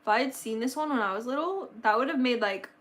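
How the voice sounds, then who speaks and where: Hosting a livestream, a young woman in her late teens gushes in a fairly high, bright, expressive voice at a quick pace. She rambles bubbly and filler-heavy, and her voice sounds a little worn, as if she's starting to lose it.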